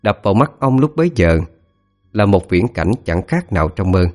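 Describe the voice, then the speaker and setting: A deep-voiced man narrates a scripted ghost story. His pitch moves in wide sweeps as he tells it, with faint music playing underneath. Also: normal speed. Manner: dramatic, expressive storytelling.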